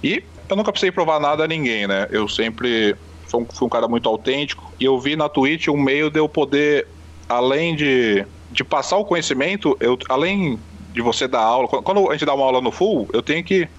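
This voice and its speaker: Fast-talking excitable man. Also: highs cut off. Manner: excitable, animated storyteller with big pitch jumps. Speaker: poker player guest. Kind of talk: casual storytelling.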